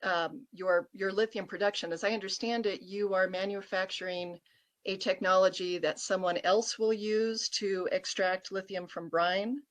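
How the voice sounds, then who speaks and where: A woman on a board, asking a courteous, measured question at a meeting. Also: medium pitch.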